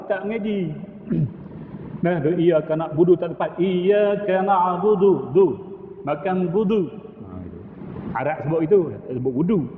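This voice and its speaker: A man's voice: fairly high pitch, slight background noise. A middle-aged male religious teacher, lecturing in a mosque on correct recitation and chanting Arabic phrases as examples. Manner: demonstrates recitation, chanting Arabic phrases between plain explanation. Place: mosque hall. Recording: tinny echoey hall recording.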